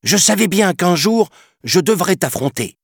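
A man's voice: sits high, lively intonation, normal speed, gravelly, husky, dry recording, clean studio sound, voice pushed up, heavily acted. A man voicing a brave, defiant young boy raised in the jungle, speaking in a bold and eager way in a storybook reading. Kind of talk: storybook narration.

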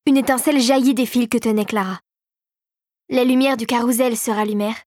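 A woman narrating a storybook in an expressive way, with a scripted read. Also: on the high side, dry recording, clean studio sound.

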